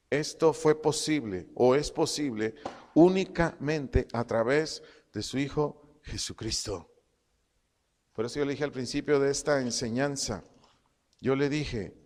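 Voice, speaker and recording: A man preaching a sermon to his congregation, slow and emphatic, repeating his phrases and dictating punctuation as he teaches. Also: medium pitch, long reverb tail. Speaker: pastor. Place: church congregation hall.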